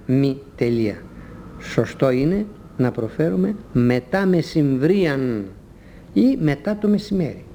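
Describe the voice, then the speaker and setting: Measured didactic man, mellow voice. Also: on the high side, slight background noise. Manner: measured, didactic, spells out letters. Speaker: language teacher. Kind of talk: scripted talk on Greek usage.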